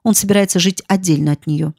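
A grave, earnest young gentleman speaks in a measured way, as a woman narrator puts him on. The voice stays lowish and even. The audiobook sound is dry and close. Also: gravelly, breathy edge, dry recording.

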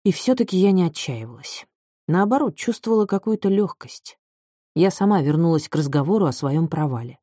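A woman reading a novel aloud in a measured, even way. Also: fairly low pitch, dry recording, studio quality. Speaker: audiobook narrator. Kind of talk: scripted narration.

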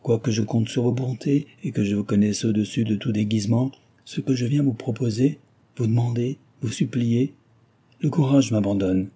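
A man voicing a passionate young gentleman suitor, speaking in a fervent, imploring and formal way. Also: mid-range voice, normal speed, slightly rough, lightly acted. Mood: pleading. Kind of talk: audiobook character reading.

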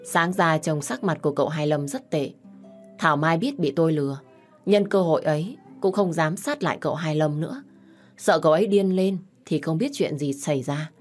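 A woman tells a first-person story in a calm, steady voice that sits a little low. Faint music plays under her narration. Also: normal speed.

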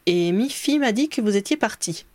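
A woman reading an audiobook, voicing a brisk, motherly middle-aged woman who takes charge. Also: medium pitch, lively intonation, darkish tone, no room sound, lightly acted. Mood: chatty. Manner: motherly, bossy.

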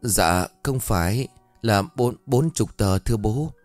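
A man's voice: fairly low pitch, lively intonation, slow pace, darkish tone, no echo, faint music behind. A man voicing a frightened young boy who stammers and begs through tears. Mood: scared. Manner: stammering, sobbing pleas.

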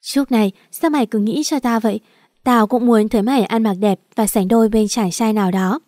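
A woman's voice: on the high side, brisk, dark tone, no echo, clean studio sound, natural voice. A woman voicing a chatty, caring young female student friend in an audiobook story.

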